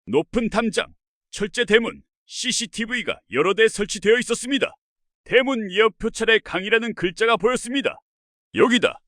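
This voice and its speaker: A man narrating a first-person family story in an earnest, steady way. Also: high-pitched, normal speed, no room sound, studio quality.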